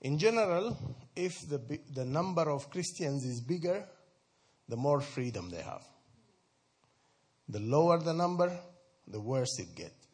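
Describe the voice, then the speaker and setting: A man's voice: fairly high pitch, big pitch swings, a little slow, long pauses, a little mellow, husky. A man from Sudan, giving a conversational talk to a church group, asking his listeners questions and laughing often. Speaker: speaker addressing a church group. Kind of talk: informal talk to an audience.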